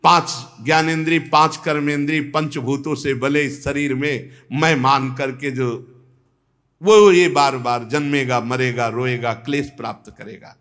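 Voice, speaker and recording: A man giving a devotional discourse, telling a scripture story with sudden rises and drops in pitch. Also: fairly even intonation, a little slow, fairly bright tone. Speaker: spiritual preacher.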